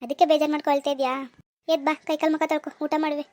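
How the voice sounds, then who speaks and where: A gentle but firm village mother in a cartoon, voiced by the narrator, with a very high, quick voice. She is soothing and practical, recorded close and dry. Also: level tone, dry recording, lightly acted. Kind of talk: Kannada cartoon voice acting.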